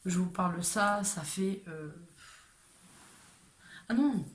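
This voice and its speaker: A woman's voice: medium pitch, slow pace. A woman telling a personal story to camera in a casual way, hesitant with many fillers and restarts.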